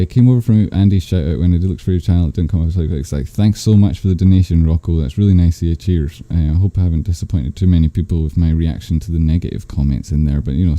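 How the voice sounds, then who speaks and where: Speaking into a desk mic, this Scottish stream host reads out chat messages and wanders into dry, teasing side remarks. His voice is bassy and mellow, and the recording is dry.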